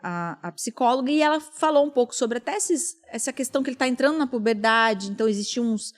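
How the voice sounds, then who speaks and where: High-voiced woman telling an emotional story. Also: lively intonation, fast talker. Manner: emotional storytelling, acts out quoted speech. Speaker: podcast host. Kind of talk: casual podcast chat.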